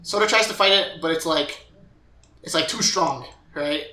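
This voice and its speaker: Bright-voiced young man recapping an anime. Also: a little high, normal speed, reverberant. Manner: rambling recap with filler words and acted quotes. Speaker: podcast co-host. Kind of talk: casual podcast recap.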